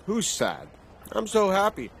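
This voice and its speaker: Using a full character voice, an actor dubs a middle-aged single father dodging his daughter's questions in an English version of a TV drama. The voice is high and a little slow, its pitch swooping wildly, and he sounds gruff and evasive; faint noise sits underneath.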